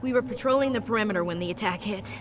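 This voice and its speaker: A woman's voice: mid-range voice, very fast, noisy background, lightly acted. An actress playing a tough but shaken young female soldier in a video game, reporting in clipped military fashion over a score. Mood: grim.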